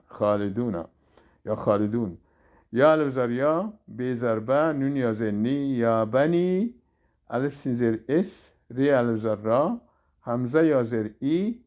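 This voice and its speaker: A man teaches Quran reading at a middle pitch. He names each letter and its vowel mark one by one, then slowly joins them into the whole word. His delivery is a patient spelling drill. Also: a little mellow. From Afghanistan. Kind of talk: spelled-out recitation lesson.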